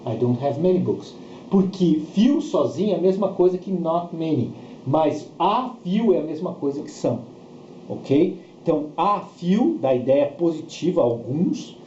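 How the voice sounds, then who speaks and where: In a dull, roomy recording with a little background noise, a Brazilian-accented man teaches bilingual grammar. He's an English teacher whose fairly high, mellow voice explains patiently, repeating himself and pausing for short check questions.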